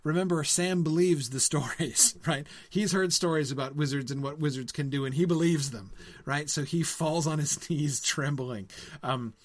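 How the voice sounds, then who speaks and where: A man's voice: on the high side, normal speed, hardly any pauses. A man hosting a live book discussion, answering viewers. He talks in a hesitant way, with many ums, and ends his points with "right?". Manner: reads passages aloud between comments. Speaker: host of a book discussion stream.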